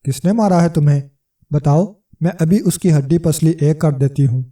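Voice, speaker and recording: A man's voice: fairly high pitch, warm tone, distant mic, close to an everyday voice. A man doing Chand Sitara, a huge domineering wife. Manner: bossy and snarling.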